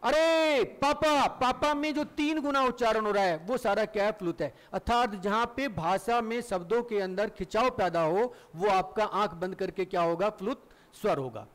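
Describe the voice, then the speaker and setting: A middle-aged man teaching Hindi lectures his class in a voice that sits high and sounds a bit bright, at normal speed. He asks the students questions and then answers them himself. He draws out vowels as demonstrations.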